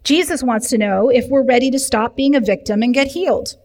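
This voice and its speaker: Woman, recovery group leader, lively sermon, speaks straight to the room, fairly high voice, long hall reverb. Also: brisk. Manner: lively, talks directly to the room with humor. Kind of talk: sermon teaching. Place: church meeting room.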